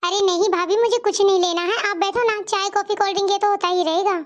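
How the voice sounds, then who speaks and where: A kind young sister-in-law from a cartoon story, voiced by a woman, who is always trying to make peace. She has a gentle, soothing way of talking. Her voice is very high and squeaky. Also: steady tone, fast, lo-fi sound. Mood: cheerful.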